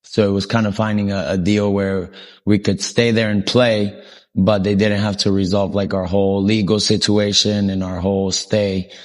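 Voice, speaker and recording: Low-voiced Colombian-born man telling his story. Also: moderate pace. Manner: relaxed, rambling with frequent ums. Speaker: soccer coach, interview guest. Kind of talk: casual interview storytelling.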